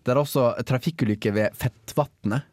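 A man's voice: mid-range voice, darkish tone, dry recording, studio quality. A man co-hosting a casual radio chat, rambling and hesitant, with many fillers. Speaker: radio co-host.

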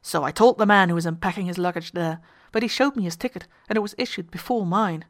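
A woman's voice: on the low side, fast talker, close to an everyday voice. A woman voicing a robust, businesslike male passenger who speaks in an indignant, demanding way.

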